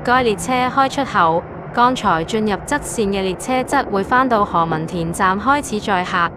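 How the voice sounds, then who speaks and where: A woman's voice: medium pitch, animated, normal speed, noisy background. A woman with a Hong Kong accent hosting a video with scripted explainer narration.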